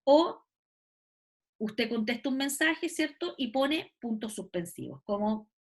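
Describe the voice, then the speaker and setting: A woman's voice: a little high, lively intonation, slow. A woman teacher gives an online class, explaining patiently and often checking that students follow. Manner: explanatory, checks understanding with "¿cierto?" and "¿ya?".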